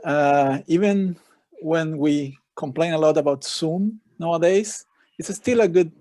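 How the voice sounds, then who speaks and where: Chilean-accented man, researcher, warm low-bright tone, reflective delivery over a video call. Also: vocal fry, no room sound. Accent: Chilean Spanish. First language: Spanish. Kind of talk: online talk.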